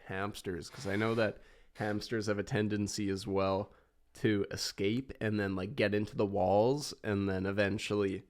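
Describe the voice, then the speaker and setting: A man's voice: fairly low pitch, fairly even intonation, moderate pace. A young man hosting a podcast, chatting casually and laughing often. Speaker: podcast host. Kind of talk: casual chat.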